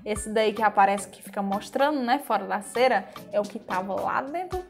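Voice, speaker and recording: A woman's voice: medium pitch, normal speed. A young adult woman with a Brazilian accent, giving casual, chatty, exclamatory reaction commentary and prone to giggles. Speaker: reaction video host. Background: background music.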